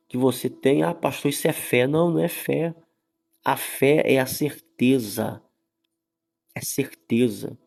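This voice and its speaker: A Brazilian pastor preaching a live sermon, his dark, gravelly voice rising in emphatic bursts as he addresses his listeners as sister and brother. Faint music plays underneath. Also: mid-range voice. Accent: Brazilian Portuguese. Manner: acts out quoted complainers in raised voice. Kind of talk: live-streamed sermon and prayer.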